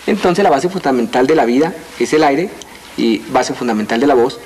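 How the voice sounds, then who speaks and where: Speaking in a TV interview, a voice coach from Colombia lays out his craft in an earnest, lecturing way, running through lists of points. His mid-range voice is a little fast and slightly mellow, with a bit of background noise.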